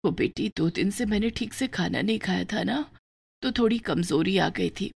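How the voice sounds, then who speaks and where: A woman voicing a poor widowed village mother in a storybook tale. She speaks softly and faintly in a low voice. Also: moderate pace, creaky, slightly rough. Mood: weak, tender. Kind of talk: storybook voice acting.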